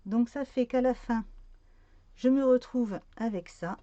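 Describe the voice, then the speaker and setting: A woman's voice: a little high, unhurried, mellow, no echo, muffled recording. Chatty woman explaining crafts. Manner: chatty, hesitant with many fillers and self-corrections. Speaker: card-making crafter. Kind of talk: casual craft tutorial.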